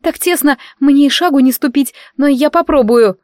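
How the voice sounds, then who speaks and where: Storybook maiden, timid and tearful, squeaky high voice done by a female reader, dry close recording. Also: normal speed, darkish tone, dry recording, natural voice. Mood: flustered. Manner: squeaky and pleading. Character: timid, tearful young woman in a dark pit.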